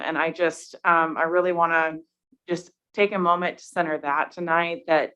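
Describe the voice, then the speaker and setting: A woman's voice: low-pitched, fairly bright tone. A woman board director sharing fond, hesitant remarks about her community at a public meeting, with frequent ums. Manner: hesitant, many ums, affectionate. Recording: muffled meeting-room audio.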